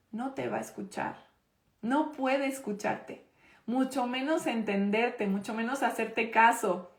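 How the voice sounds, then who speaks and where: Leading a live online parenting course from an echoey room, this woman's voice runs on the high side. She's emphatic and conversational, pressing her main points and frequently checking in with listeners.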